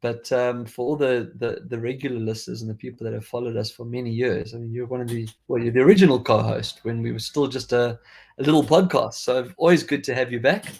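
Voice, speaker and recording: This podcast host, a South African man whose accent has faded, talks tech in a chatty, meandering style with frequent restarts. He speaks fast in a steady, mid-range voice that is gravelly and a little mellow, with a breathy edge.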